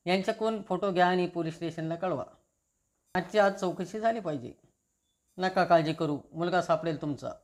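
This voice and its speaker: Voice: mid-range voice, moderate pace, close to an everyday voice. The narrator reading the lines of a female district collector who gives firm orders. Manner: firm, commanding.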